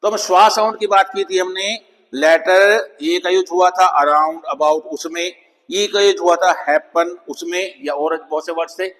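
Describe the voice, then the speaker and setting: A man teaching English pronunciation, patiently explaining and repeating example words slowly, dropping his voice on each model word. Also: sits high, steady tone, a bit bright, in a large hall, poor audio. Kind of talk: explanatory lesson.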